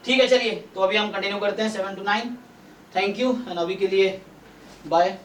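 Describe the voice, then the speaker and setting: A man's voice: sits high, normal speed. A man, a statistics and maths teacher, explains problems step by step in a Hindi-English mix and checks whether students follow. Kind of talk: doubt-clearing online class. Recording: roomy, distant mic, faint noise.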